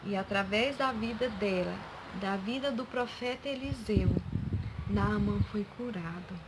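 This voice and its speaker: A woman telling a Bible story to children, slowly and expressively, acting out each character's lines. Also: mid-range voice. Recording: loud background noise.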